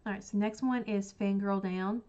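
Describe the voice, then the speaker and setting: A woman who hosts a book channel chats casually on a livestream, stuffy and sniffling from a cold as she rambles about books with plenty of likes and ums. Her medium-pitched voice has a dark tone and stays steady at a moderate pace. The audio sounds dull.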